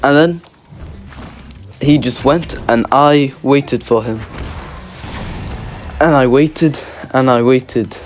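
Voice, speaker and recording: A man's voice: mid-range voice, takes it slowly, long pauses, faint music behind. A man hosting a casual storytime video, playful and rambling, often restarting his sentences. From Egypt. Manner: rambling, playful, self-correcting. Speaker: YouTube gaming host.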